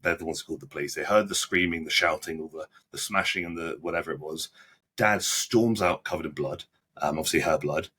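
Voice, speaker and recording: A young man in his twenties, a podcast guest recounting events in casual interview talk, halting and blunt, often restarting his sentences. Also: a bass voice, sharp tone, husky. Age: 20s. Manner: halting, frequent restarts and repeated words; blunt, plain-spoken with British slang.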